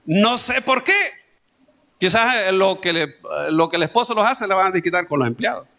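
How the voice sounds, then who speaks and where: A man's voice: high voice, lively intonation, normal speed, sharp tone. A male pastor with a Salvadoran Spanish accent, preaching a sermon in a conversational way with homely stories and asides. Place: church.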